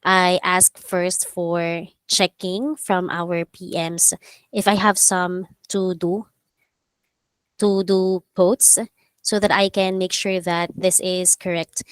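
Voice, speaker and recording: A woman's voice: fairly low pitch, clean tone, dry recording. A woman, a trainee politely and carefully answering in a work meeting, a little hesitant. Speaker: call center trainee.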